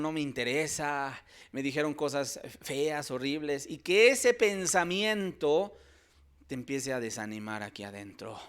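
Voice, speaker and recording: A male pastor preaching a sermon. He is emphatic and swings between loud and soft. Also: mid-range voice, clean tone.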